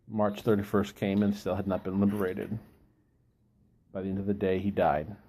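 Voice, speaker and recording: A man giving a reflective solo talk, explaining and quoting in a deliberate, halting way with pauses mid-phrase. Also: deep voice, flat delivery, warm tone. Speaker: book reviewer giving an informal chat.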